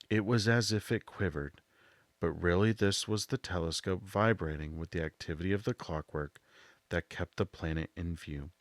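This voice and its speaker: A man narrating a literary audiobook in a soft voice, with a measured, deliberate delivery. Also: low voice, no echo.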